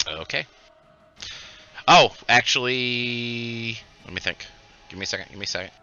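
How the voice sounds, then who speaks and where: A man's voice: medium pitch, moderate pace, pushed and bright, muffled recording. A man playing a tabletop game, casually narrating moves in a playfully dramatic way.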